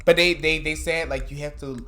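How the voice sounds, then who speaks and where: A man's voice: on the high side, steady tone, a little fast, sharp tone. A man co-hosting a podcast, talking in a rambling way with many restarts. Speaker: podcast co-host. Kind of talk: casual podcast chat.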